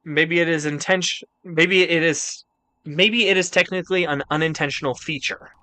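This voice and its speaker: This gaming streamer has a fairly high, sharp voice and speaks at a moderate pace. Reading chat, he keeps up a loose, rambling banter full of jokes and frequent swearing.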